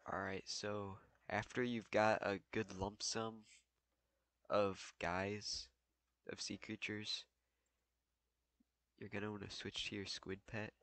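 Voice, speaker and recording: A young man who makes gaming tutorials thinks aloud while he plays, giving a loose, casual walkthrough full of fillers. His voice is fairly low and fairly bright, with little pitch movement, a slow pace and frequent pauses, in a dry recording.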